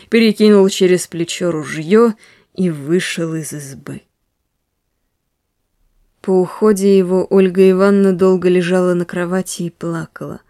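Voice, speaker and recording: Soft-spoken woman narrating a classic story. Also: medium pitch, no echo, studio quality. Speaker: reader. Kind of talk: scripted literary narration.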